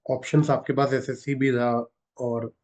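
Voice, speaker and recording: Man, interview host, exam mentor, polite, encouraging, mid-pitched voice. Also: level tone, a little slow, a little mellow. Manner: polite, encouraging, short affirmations. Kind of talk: hosting an interview.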